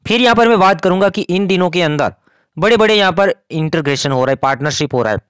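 A man's voice: high voice, lively intonation, fast talker, fairly bright tone, smooth, dry recording, studio quality. A man hosting his own channel, giving casual, chatty market commentary and speaking straight to his viewers. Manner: chatty, explanatory, addresses viewers directly. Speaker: crypto channel host.

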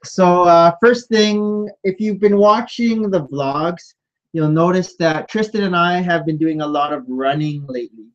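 A man's voice: high voice, measured pace. Man co-hosting a casual stream, lo-fi sound. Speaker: co-host. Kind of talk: casual chat. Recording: dull lo-fi livestream audio.

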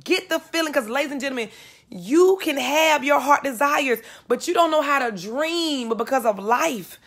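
Emotional woman, high voice, near tears. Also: expressive, moderate pace. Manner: emotional, earnest, repeats phrases for emphasis. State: close to tears. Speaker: network marketer speaking to live viewers. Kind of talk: live-stream motivational talk.

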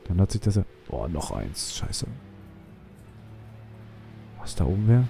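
A man's voice: deep voice, very animated, a little fast, vocal fry, over music. Jumpy young man whispering through a game. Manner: jumpy, whispers when sneaking, yelps when startled. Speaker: let's player. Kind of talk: gaming commentary.

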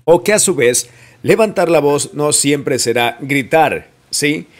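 A man's voice: a little high, expressive, slow pace. Chatty man teaching audio recording. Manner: chatty, asks listeners questions, laughs often. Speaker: audio editing instructor. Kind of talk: casual screen-recorded tutorial. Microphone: studio microphone at close range.

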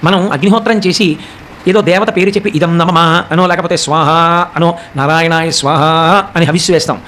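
A man giving a devotional discourse on a sacred epic. He recites verses slowly and explains them, and speaks the characters' lines in a softer voice. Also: fairly high pitch, fairly even intonation, a little hiss or hum. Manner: acts out the characters' speech in a softer voice.

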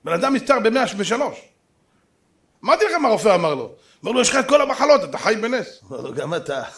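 A man giving a dramatic rabbinic sermon, telling stories and acting out the dialogue, swinging from loud exclamations to hushed asides. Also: sits high, sing-song. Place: synagogue or lecture hall.

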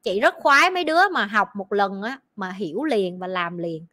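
A woman's voice: medium pitch, expressive, pushed and bright. A woman hosting a livestream, chatting bluntly and teasingly with her team. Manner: blunt, teasing, talks fast in bursts. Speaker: livestream host. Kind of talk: casual livestream chat with team.

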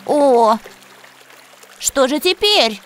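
A woman's voice: high voice, very animated, drawn-out words, a little hiss or hum, exaggerated voice. A woman voicing a small, boastful, cheeky gingerbread man in a children's cartoon tale. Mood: worried. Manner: boastful, taunting.

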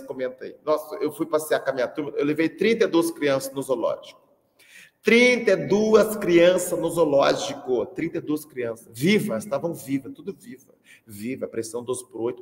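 A Brazilian man delivers a comic stand-up monologue, slightly high for a man and gravelly. His voice rings out in a roomy hall with a long echo. He is animated and repeats his lines for effect. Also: a little fast. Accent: Brazilian Portuguese. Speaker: comedian playing a teacher. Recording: echoey hall with long reverb.

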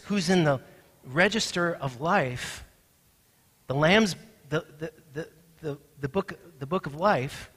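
A man's voice: sits high, fairly bright tone, breathy edge, in a large hall. A man preaching a sermon as pastor, emphatic and repeating his key points with rising force, in a church sanctuary.

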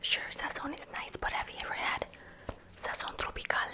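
A young woman whispering breathily close to the mic in fast, aggressive ASMR, in short punchy bursts. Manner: rapid repeated trigger words in short punchy bursts. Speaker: ASMR video host. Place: small quiet room indoors. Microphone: close desktop condenser mic with fluffy windscreen.

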